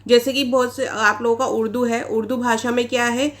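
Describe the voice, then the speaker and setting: Woman, teacher, fairly high voice, explanatory exam-prep lecture, rhetorical questions. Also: level tone, brisk. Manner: explanatory, repeats points and asks rhetorical questions. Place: online class recording.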